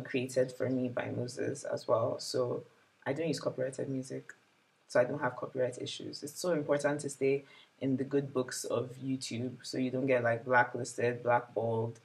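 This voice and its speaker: Poor audio captures a woman's extremely low-pitched voice as she, a vlogger in her twenties, casually reflects on the year for her audience, with "like" filling many of her sentences.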